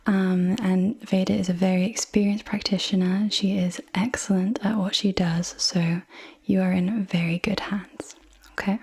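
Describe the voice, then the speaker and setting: A woman in her twenties doing a whispered ASMR role-play as a clinic practitioner, in a soft, breathy, reassuring whisper. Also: medium pitch, flat delivery, moderate pace. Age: 20s. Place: indoors, small room with dark backdrop.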